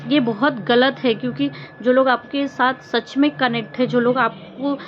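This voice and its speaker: A woman vlogger comments informally to her viewers on a social media controversy, her high voice fairly even in intonation at a normal speed. She's earnest, reproachful and emphatic, using rhetorical questions. The audio is muffled and lo-fi with faint noise.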